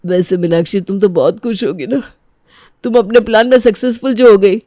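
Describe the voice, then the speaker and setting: A woman's voice: medium pitch, brisk, mellow, no room sound, clean studio sound, close to an everyday voice. A woman voicing an upset young husband who accuses a relative. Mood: accusing.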